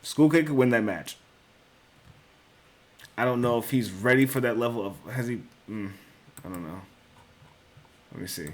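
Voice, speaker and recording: A man's voice: mid-range voice, expressive, moderate pace, long pauses. A young man hosting a casual solo talk on sports picks, thinking aloud, correcting himself and swearing now and then. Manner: casual, swears, says bro and dude. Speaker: sports betting picks host.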